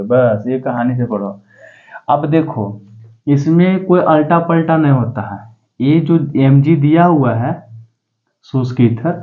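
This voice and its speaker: A man teaching a chemistry class in a relaxed, reassuring way, drawling formulas out slowly and calling students "bachcha". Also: mid-range voice. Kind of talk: classroom lecture. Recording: tinny phone-like sound.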